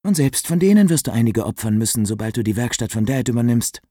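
A man voicing a newly engaged young woman in an audiobook, teasing and a little wary, lifted above his own lower voice. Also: expressive, quick pace, warm tone, dry recording, clean studio sound, close to an everyday voice.

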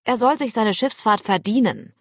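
A woman's voice: fairly high pitch, expressive, moderate pace, dry recording, clean studio sound, voice pushed up. A woman voicing a weary male ship captain who gives orders in an audiobook. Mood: weary, commanding.

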